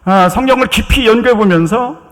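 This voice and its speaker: A male pastor delivering a sermon, with dramatic, repetitive preaching, drawn-out emphasis and acted-out quotes. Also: high-pitched, big-room sound. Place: church sanctuary.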